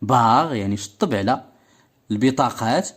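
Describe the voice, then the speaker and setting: A man's voice: mid-range voice, animated, fast, husky. A man with a Moroccan accent teaching a French lesson to young pupils, repeating each word several times and stretching out its syllables, then explaining in Moroccan Arabic. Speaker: primary school teacher.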